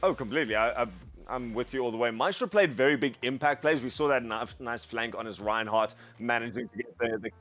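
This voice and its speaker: A man's voice: mid-range voice, a little fast, fairly bright tone, soft background music. A man hosting an esports broadcast, asking questions in an upbeat conversational way. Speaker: esports caster and interviewer. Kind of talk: esports desk chat.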